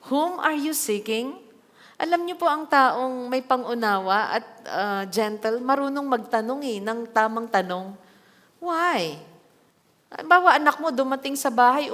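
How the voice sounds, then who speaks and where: A woman pastor delivers a sermon, moving between scripture reading and lively asides where she acts out little quotes. Her voice sits high, and it rings out in a church hall with a long reverb.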